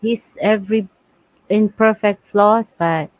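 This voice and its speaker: Slow-talking Filipina woman co-hosting. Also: mid-range voice, fairly even intonation, no echo, poor audio. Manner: slow and halting, with nonstandard English grammar and frequent laughs. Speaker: co-host of a live stream. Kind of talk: casual live-stream chat.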